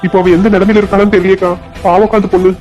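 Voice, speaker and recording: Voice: medium pitch, little pitch movement, very fast, a little mellow, soft background music, lightly acted. A performer voicing an earnest young man, eager to act, with a Kanyakumari Tamil accent.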